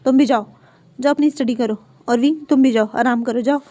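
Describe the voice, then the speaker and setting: A woman voicing a stern mother who scolds her sons, raised and quick. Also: high-pitched, dark tone, close to an everyday voice. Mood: scolding.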